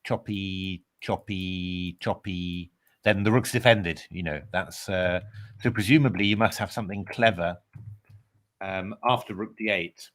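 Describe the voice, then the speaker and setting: A man's voice: fairly low pitch, normal speed, fairly bright tone. A man commentating live on a chess game in a casual way, hesitating with lots of fillers and restarts.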